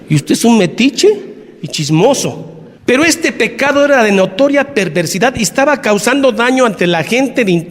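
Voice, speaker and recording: High-voiced preacher in echoing hall. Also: male voice. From Mexico. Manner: animated, swings between loud emphasis and quiet asides, acts out quoted church members. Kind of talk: sermon.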